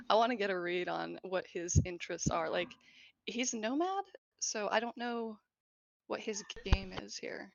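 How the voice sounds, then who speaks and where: A woman's voice: medium pitch, measured pace, creaky, no room sound, lo-fi sound. A woman chatting casually as a tabletop game player, informal and decisive about her moves.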